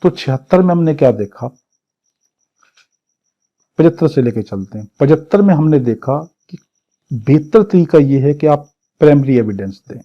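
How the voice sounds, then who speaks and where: An animated man with a fairly high pitch speaks at a moderate pace with long pauses, delivering an exam-prep law lecture in a Pakistani accent. He reads English statute phrases and explains each point by point, didactically repeating and rephrasing. The lo-fi audio sounds muffled and dull.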